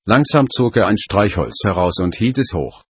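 A man narrating an audiobook in a steady, even manner. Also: on the low side, normal speed, slightly rough, dry recording, studio quality. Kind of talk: audiobook reading.

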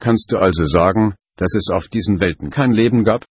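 A man reading an audiobook, voicing a wise old lama teacher who explains calmly. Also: low-pitched, a little fast, husky, no room sound, studio quality. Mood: calm teaching.

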